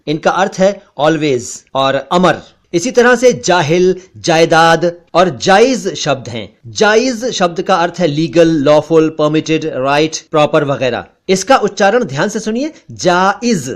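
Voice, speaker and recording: A middle-aged man teaching word pronunciation slowly and deliberately, repeating each word for clarity. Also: on the high side. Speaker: language teacher. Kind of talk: pronunciation lesson voice-over.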